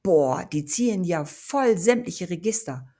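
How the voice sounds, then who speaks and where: A woman voicing a brash, excitable young man who talks loudly in slang. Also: lowish voice, a little slow. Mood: excited.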